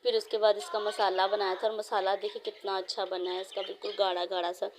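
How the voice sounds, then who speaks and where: A woman's voice: medium pitch, little pitch movement, fast talker, slight background noise. A woman vlogger narrating a casual cooking voice-over, chatty and rambling with many fillers. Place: indoors, recorded as voice-over.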